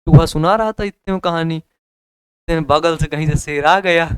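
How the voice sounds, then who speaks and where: A young man teaching biology with a Hindi accent, his voice high and smooth. He lectures casually, throwing questions at students and joking between points. The sound is dry and close. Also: normal speed, fairly bright tone, no room sound. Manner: chatty, repeats questions to students, jokes.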